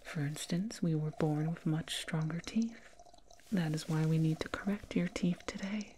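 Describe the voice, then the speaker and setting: In an ASMR roleplay, a woman plays an alien dentist who is soothing and proud, with an eerie delight in sharp teeth. Her low-pitched, natural voice whispers a gentle, repetitive, reassuring murmur at a moderate pace, focused and calm. The close binaural mic captures her up close with clean, noise-free sound.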